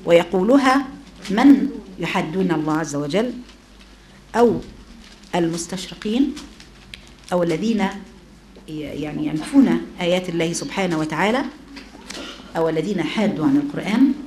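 Egyptian lady teaching a religion class, keeps quizzing them, talks fast, roomy echo. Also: fairly low pitch, slight background noise. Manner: lively, questions the class. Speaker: Quran teacher.

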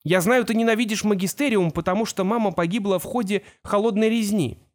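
An anxious, defiant teenage wizard boy, as a man reads him aloud in an audiobook. He talks in an earnest, pleading way, with his voice pushed up high above a man's usual register. The delivery stays plain and close, like storybook dialogue. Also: fairly quick, close to an everyday voice. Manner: earnest, pleading, raised higher voice. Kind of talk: audiobook character voice.

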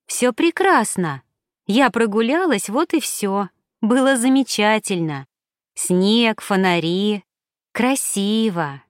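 Woman reading as young noble lady, cheerful, playful, stubborn, bright teasing tone, storybook, mid pitch, dry sound. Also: animated, slow, no room sound.

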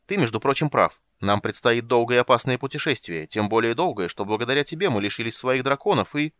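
A man voicing an angry, exasperated adult male half-elf leader who often shouts. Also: medium pitch, lively intonation, fast talker, no echo, lightly acted.

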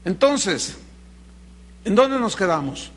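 A man delivers a sermon to his congregation, high in pitch. He preaches with animation and slips into voices as he acts out little dialogues between people. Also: very animated, slow pace. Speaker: pastor.

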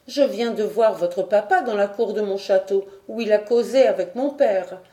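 A woman's voice: mid-range voice, moderate pace, warm tone, natural voice. A woman playing a haughty little noble girl. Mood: proud. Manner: mocking, haughty, curt. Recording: roomy echo.

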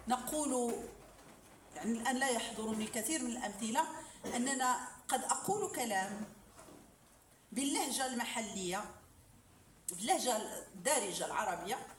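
A woman's voice: on the high side, animated, normal speed, long pauses. A woman lecturer teaching a class, explaining with examples and asking rhetorical questions. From Morocco. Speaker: lecturer in hadith sciences. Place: lecture hall. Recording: roomy hall, voice from far off, faint noise.

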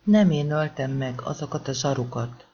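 A man's voice: fairly high pitch, lively intonation, warm tone, a little hiss or hum, natural voice. A man voicing a frightened twelve-year-old boy on the run in an audiobook, crying out in desperate pleas. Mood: pleading. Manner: pleading, desperate cries. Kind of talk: audiobook character voice. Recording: slightly dull lo-fi recording.

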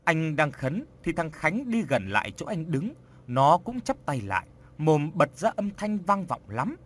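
Male audiobook narrator, husky, dramatic, lively pitch swings. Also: a little slow. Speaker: storyteller. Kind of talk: audiobook horror story narration.

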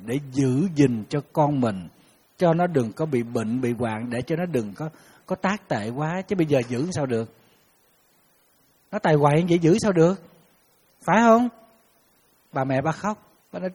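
A man, a Buddhist monk giving a dharma talk, telling lively stories and acting out the people who call him. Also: slightly rough, in a large hall. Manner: lively storytelling, acting out callers with sudden high bursts. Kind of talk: sermon.

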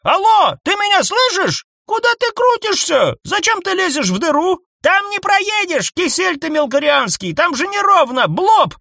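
A man doing Becky, a shrill robot cart. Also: sing-song, normal speed, few pauses, no room sound, clean studio sound, exaggerated voice. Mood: scolding. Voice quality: raspy old speakers. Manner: shrill, scolding, shouting. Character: bossy old robot cart woman, irritable.

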